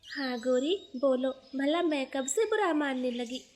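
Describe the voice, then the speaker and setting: A woman voicing a gentle, patient young wife bird in a cartoon, speaking softly and meekly. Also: high-pitched, expressive, a little slow, a little hiss or hum. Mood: kind. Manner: soft, patient, meek.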